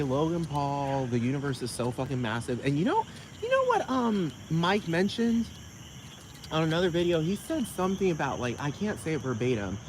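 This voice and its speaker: A man's voice: a little high, noisy background. A man from the United States on a casual, rambling rant, sassy and profane, often asking rhetorical questions.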